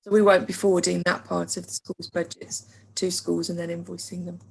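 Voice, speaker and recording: A woman with an English accent speaks over a video call, her voice husky and gravelly as it fades away from her. She talks in a low, flat, measured way and fills pauses with ums while she walks through funding figures. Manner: measured, with frequent ums and throat clearing. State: losing her voice. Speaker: council finance officer. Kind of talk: online meeting presentation.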